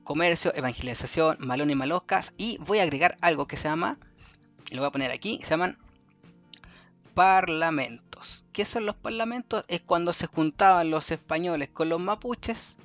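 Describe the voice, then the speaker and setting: A man teaching a review lesson to schoolchildren, repeating key words slowly for emphasis. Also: on the high side, fairly bright tone. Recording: faint music behind.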